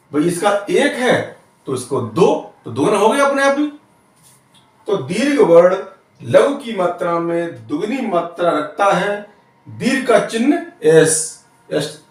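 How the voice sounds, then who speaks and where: A man teaches grammar in a lively, up-and-down voice that sits high for a man. He explains slowly and step by step, checking in with his students as he goes. He is recorded from a distance in a very echoey room. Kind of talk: classroom-style lesson.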